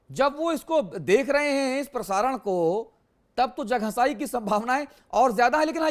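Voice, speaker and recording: A man anchoring a live news show, pressing his guest with emphatic rhetorical questions. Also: very high-pitched.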